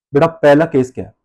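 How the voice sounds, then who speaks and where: A man's voice: fairly high pitch, warm tone. A male accounts teacher giving a classroom-style lecture, calling the students "beta" and answering his own questions.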